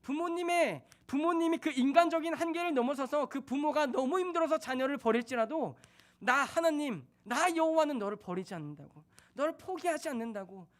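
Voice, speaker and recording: A man's voice: extremely high pitch, lively intonation, fairly quick. A man in his thirties, a junior pastor, preaching a sermon in a church in a conversational way, asking questions of the congregation. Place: church sanctuary.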